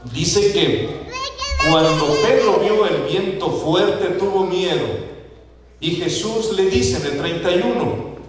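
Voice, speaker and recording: A man with a Mexican Spanish accent preaching a sermon to his congregation, asking them questions and acting out the people he quotes. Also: sits high. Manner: asks the congregation questions, acts out quoted voices. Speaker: pastor. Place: church sanctuary. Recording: echoey church hall, voice from far off.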